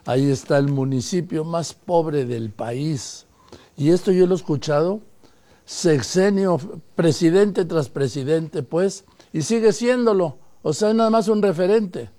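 A man's voice: on the high side, measured pace, dark tone. A man hosting a broadcast news interview and asking direct, pointed questions. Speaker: interviewer host.

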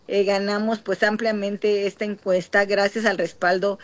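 A woman with a Mexican coastal accent, a politician answering interview questions in a measured way with many pauses. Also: medium pitch, flat delivery, a crowd in the background. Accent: Mexican, from the Guerrero coast. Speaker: interviewed senator and candidate.

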